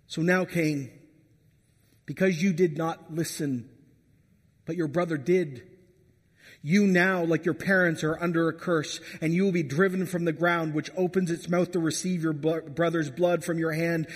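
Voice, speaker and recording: A man's voice: fairly high pitch, fairly even intonation, moderate pace, breathy edge. A man voicing God as a stern, accusing judge, declaiming his verdict. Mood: condemning. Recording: long hall reverb.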